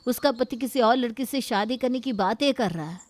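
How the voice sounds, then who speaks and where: A woman's voice: a little high, expressive, a little fast, no room sound, natural voice. A woman voicing a protective, indignant young brother in a cartoon story. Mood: accusing. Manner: indignant, pleading, argumentative.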